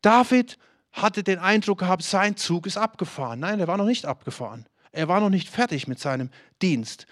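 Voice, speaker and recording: A man's voice: high-pitched, lively intonation, moderate pace, a bit bright, no echo, studio quality. A man preaching a sermon with urgency, challenging listeners directly and acting out the voices of their excuses.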